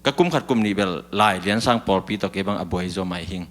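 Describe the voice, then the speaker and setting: A man's voice: on the low side, rapid-fire, fairly bright tone. A man in casual talk-show conversation, telling a long account in a chatty way with short fillers.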